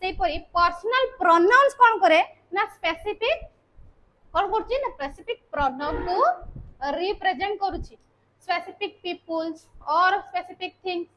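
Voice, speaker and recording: A woman's voice: very high-pitched, normal speed, bright, forceful tone, poor audio. A woman teaching a grammar lesson, explaining patiently step by step and often ending points with a checking tag. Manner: patient step-by-step explaining, repeating key terms. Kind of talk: classroom lesson.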